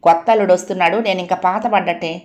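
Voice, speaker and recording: A woman's voice: lowish voice, steady tone, fast, a little mellow, lightly acted. A woman doing a joking son-in-law. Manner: joking, teasing. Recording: roomy echoey home recording.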